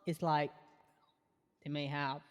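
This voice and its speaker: A woman playing a chatty, nosy city clerk with halting, questioning talk in a casual online game role-play. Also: deep voice, flat delivery, big-room sound, crowd noise. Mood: inquisitive, halting. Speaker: player acting a customer satisfaction surveyor.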